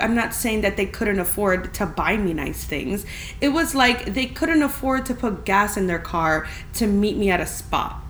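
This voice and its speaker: A woman's voice: mid-range voice, fairly bright tone. Chatty woman podcaster in an echoey room. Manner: chatty, candid and conversational. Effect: big echoey room sound. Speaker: podcast host. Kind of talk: casual solo podcast chat. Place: spacious, empty apartment indoors. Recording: echoey room with faint background hiss.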